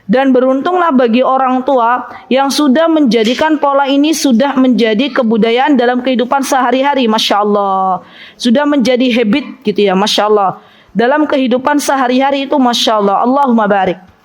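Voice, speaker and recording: High-voiced woman preacher, animated. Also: brisk. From Indonesia. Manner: lively, acts out parents and children in quoted lines. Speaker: Islamic preacher. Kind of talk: sermon to a women's study group.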